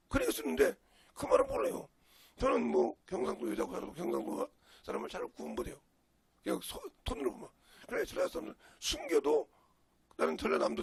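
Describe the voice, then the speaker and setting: A man's voice: extremely high pitch, vocal fry, breathy edge, dry recording. An older man with a Jeolla Korean accent, a pastor preaching a folksy, storytelling sermon with sudden emphatic rises. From Jeolla region, Korea.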